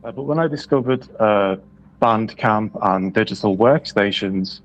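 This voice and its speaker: A man's voice: lowish voice, unhurried. A British man from the United Kingdom answering interview questions thoughtfully, with many hesitations, over a remote call. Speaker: guest musician. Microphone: remote call audio. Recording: dull lo-fi online call audio.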